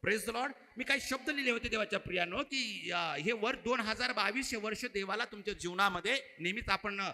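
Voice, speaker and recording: A man's voice: high voice, moderate pace, sharp tone. A man preaching a sermon as pastor, calling on his congregation to repeat phrases aloud. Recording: echoey hall reverb.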